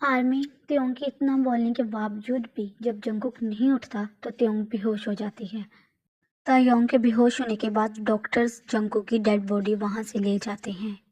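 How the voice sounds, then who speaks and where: A woman narrating a fan story to her listeners in a calm, casual way. Her voice sits fairly high and she keeps a steady pace between scenes. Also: moderate pace. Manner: calm narrating tone addressing fans.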